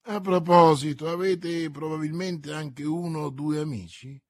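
A man reading aloud and voicing a bold, eager young Gascon guardsman, with a husky voice. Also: a little high, fairly even intonation, unhurried, no echo, clean studio sound.

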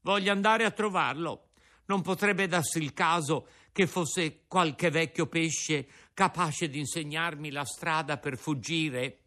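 A man's voice: a little high, slow, bright, forceful tone, voice pushed up. A man voicing a frightened, tearful wooden puppet boy in a storybook reading, with a whiny, pleading voice. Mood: scared.

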